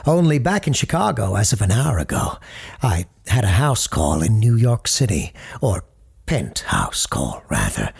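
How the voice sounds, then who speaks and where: In an audio drama, a man gives a full character voice as a courteous, grave parapsychologist hosting a late-night paranormal radio show. His medium-pitched voice has vocal fry, a darkish tone and a breathy edge, and he speaks formally, with ominous understatement and a courteous, wry mood.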